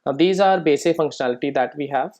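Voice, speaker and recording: Moving at a quick pace, a medium-pitched presenter talks through software one step at a time. It's an informal style that often pauses to check in with the listener.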